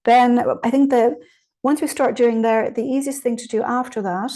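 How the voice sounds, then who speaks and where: A woman with a warm, fairly high voice gives informal guided teaching on meditation and answers questions. She speaks at a normal speed with fairly even intonation, keeping things conversational and encouraging with frequent small check-ins.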